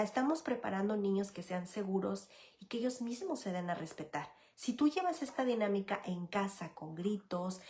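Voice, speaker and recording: A woman's voice: mid-range voice, darkish tone, slight background noise. A woman talks straight to parents in a live advice session. Her tone is earnest and explanatory as she runs through lists of examples, checking in often with a short question tag. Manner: addresses parents directly, often tags "¿ok?". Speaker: psychologist giving parenting guidance.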